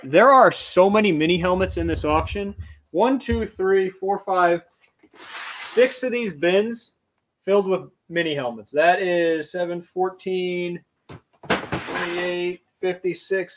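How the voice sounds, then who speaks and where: This auction livestream host, a man in his thirties, has a high voice with a little hiss or hum in the recording. He wanders a cramped, shelf-filled storage room indoors, chatting casually and reading out viewer comments, occasionally drifting away from the webcam mic on his desk.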